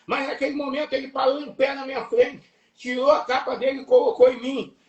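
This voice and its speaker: High-voiced Brazilian preacher man, echoey room. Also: level tone, a little fast, far from the mic, lo-fi sound. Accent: Brazilian Portuguese. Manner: emphatic, repetitive, bursts into shouts. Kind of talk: impassioned sermon testimony. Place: church or live stream hall.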